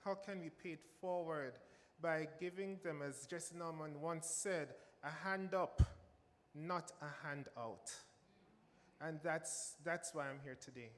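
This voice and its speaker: Taking it slowly in a voice on the high side, a Jamaican-accented man, a music professor, speaks on a panel. His remarks are emphatic, with phrases repeated for emphasis, recorded in a reverberant hall with faint ambience.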